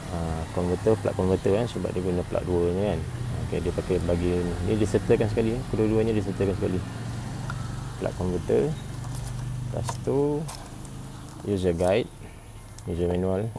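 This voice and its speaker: A Malaysian gadget reviewer with a low-pitched voice gives a casual product review against a noisy background. He's informal and repeats himself, often tagging phrases with "eh" and clearing his throat.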